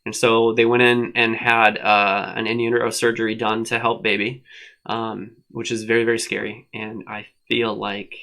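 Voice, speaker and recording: A man's voice: on the low side, flat delivery, moderate pace, pushed and bright. A man co-hosting a live online show, chatting casually, teasing and laughing often. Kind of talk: casual banter. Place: at a desk at home with a dog.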